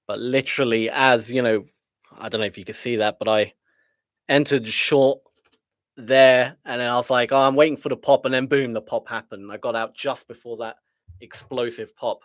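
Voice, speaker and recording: A man talks viewers through his trades live as he streams. He sounds frustrated and mocks himself, sighing and thinking aloud in a mid-pitched, conversational voice. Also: fairly even intonation, moderate pace. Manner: frustrated, self-deprecating musing with sighs. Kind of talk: live trading commentary to viewers.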